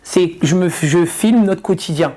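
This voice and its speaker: A woman's voice: lowish voice, unhurried, mellow. A woman from Ivory Coast, a comedian and influencer, chatting casually in an interview and repeating words for emphasis.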